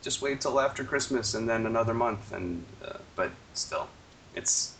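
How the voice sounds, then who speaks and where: A man co-hosting a podcast, recapping a show in a rambling, halting way. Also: medium pitch, vocal fry, far from the mic, slight background noise. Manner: rambling, halting recap with mock-shouted quotes. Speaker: podcast co-host. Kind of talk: casual chat.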